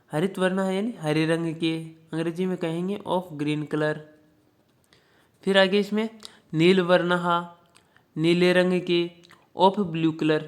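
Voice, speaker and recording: Teacher, talks to children, slow pronunciation drills, repeats words, mid pitch. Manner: addresses children directly, checks with "ठीक है". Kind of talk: Sanskrit lesson explaining word meanings.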